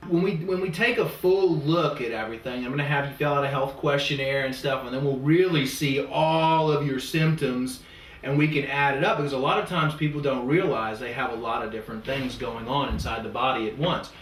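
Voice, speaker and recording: A man who works as a natural health practitioner explains his approach to a client during a consultation, lecturing and building long lists and analogies. His medium-pitched voice is fairly quick and fairly bright. The room is echoey, with the mic at a distance.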